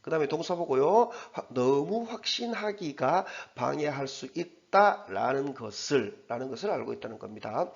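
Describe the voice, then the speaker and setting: A man teaching English, going through an exam passage in a chatty way and reading the English words slowly. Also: mid-range voice, lively intonation, vocal fry, muffled recording. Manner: chatty, repeats himself, reads English slowly word by word.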